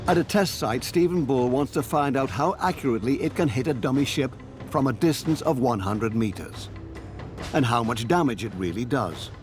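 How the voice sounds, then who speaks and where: A man delivering scripted documentary narration in a measured, dramatic manner. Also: mid-range voice. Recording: prominent music bed. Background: music.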